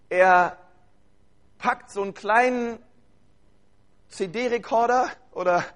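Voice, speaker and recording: High-voiced male preacher, earnest and urging. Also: a bit bright. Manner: earnest and urging, with repeated phrases; addresses the congregation directly. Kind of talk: sermon.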